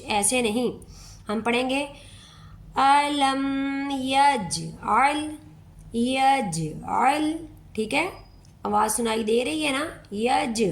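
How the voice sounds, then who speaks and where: Slow patient woman teaching recitation. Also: on the high side. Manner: slow, patient explaining with drawn-out demonstrations. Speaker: Quran tajweed teacher. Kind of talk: step-by-step recitation lesson.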